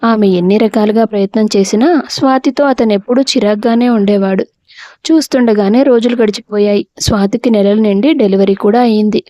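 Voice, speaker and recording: A woman reading a family drama story aloud as a narrator, steady and scripted. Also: medium pitch, brisk, no echo, studio quality.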